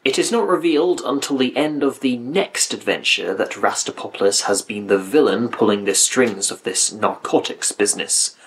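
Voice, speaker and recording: A man's voice: mid-range voice, normal speed, hardly any pauses, rough recording. Male narrator of a dry video review. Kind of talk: scripted narration, review commentary.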